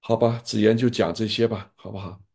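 A man's voice: on the low side, fairly even intonation, brisk, vocal fry, a little mellow, husky. An older man, a pastor, sharing earnest fatherly advice in an online group gathering.

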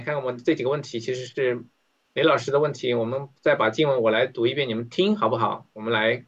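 A man leading an interactive Bible study, talking conversationally and often asking his listeners questions. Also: medium pitch. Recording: dull lo-fi recording.

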